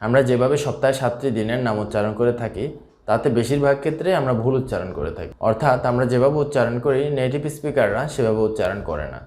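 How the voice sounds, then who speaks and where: A man teaching English pronunciation, repeating each word slowly as a drill. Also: medium pitch, animated, a little mellow, echoey room. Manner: slow, repetitive drilling of words. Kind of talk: instructional lesson.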